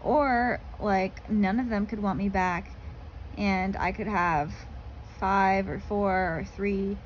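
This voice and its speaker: A woman's voice: mid-range voice, fairly even intonation, takes it slowly, lo-fi sound. A young woman in her late teens chatting casually to a vlog in colloquial sorority-girl style, saying "like" often. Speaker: vlogger, college freshman. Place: small dorm rooms, indoors. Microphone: phone at arm's length. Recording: noisy handheld phone recording.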